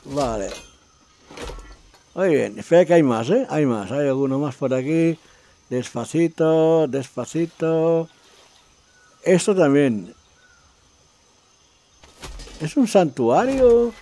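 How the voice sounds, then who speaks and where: A man giving casual, excitable commentary as he plays a game, talking to himself and his viewers. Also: on the high side, slow, long pauses. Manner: talks to himself and viewers while exploring, excitable. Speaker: gaming video creator.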